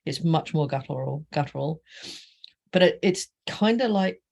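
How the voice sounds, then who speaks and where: A woman's voice: low-pitched, animated, moderate pace, vocal fry, darkish tone, muffled recording. Woman, middle-aged, from australia, interview guest, casual talk, ums and restarts. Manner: hesitant, many fillers, laughs often. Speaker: author guest.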